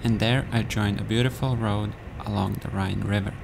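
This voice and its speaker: Man, young, voice-over narrator; dry, steady delivery with a fry-edged voice, background hiss audible. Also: fairly low pitch, normal speed. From Latvia. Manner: calm, dry, matter-of-fact storytelling. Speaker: cyclist recounting a race. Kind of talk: scripted narration.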